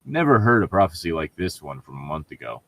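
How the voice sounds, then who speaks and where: This man's deep voice swings widely in pitch, fast, creaky and a bit bright. He hosts a podcast where he reads fan fiction out loud, riffing casually between the lines in an exasperated, sarcastic, frequently profane way.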